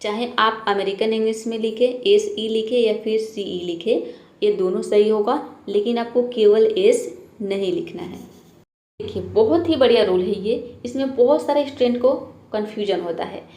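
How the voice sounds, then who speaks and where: A woman explains English spelling rules in a patient, question-and-answer manner. She keeps checking that her viewers follow, and her voice bounces around a roomy, echoey space at a mid pitch. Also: moderate pace, a little mellow. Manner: patient, asks questions and answers them herself; keeps saying "theek hai" to check understanding. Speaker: English teacher.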